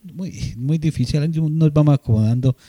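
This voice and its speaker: A man co-hosting a sports radio show, talking in a measured way with many "eh" fillers. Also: a little high, warm tone, dry recording, studio quality. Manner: measured, fills pauses with "eh".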